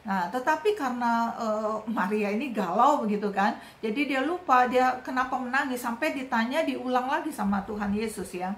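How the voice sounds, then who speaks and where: A woman giving a sermon, speaking gently and often tagging her sentences with short affirming words. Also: fairly high pitch, normal speed, hardly any pauses. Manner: gentle, repeats "ya" and "gitu" often. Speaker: preacher. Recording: echoey room with faint noise.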